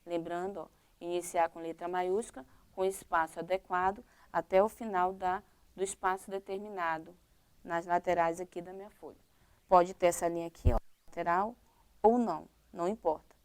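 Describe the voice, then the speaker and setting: A woman's voice: fairly low pitch, steady tone, moderate pace, a little mellow, clear, resonant tone. A woman teacher with a Brazilian Portuguese accent, explaining a primary-school lesson step by step and checking in with "tá?" and "ok?".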